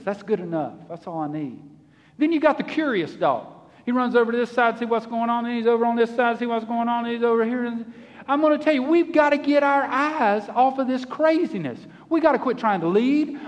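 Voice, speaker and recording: A man preaching in a church, his voice set high for his sex and ringing with a long hall reverb. He delivers a folksy, animated sermon, putting on small voices to act out his examples. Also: dull audio. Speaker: pastor.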